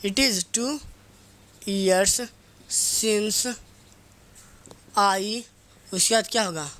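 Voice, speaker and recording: A man's voice: high voice, fairly bright tone. A male teacher, giving a casual grammar lesson, often asking a question and answering it himself. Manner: repeats key words, asks and answers own questions; casual, teasing scolding of students.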